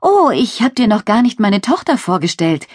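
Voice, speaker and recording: A woman's voice: medium pitch, big pitch swings, husky, no room sound, clean studio sound, voice pushed up. A woman voicing a kind, cheerful witch mother who speaks encouragingly in a children's storybook. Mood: warm. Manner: encouraging, brisk.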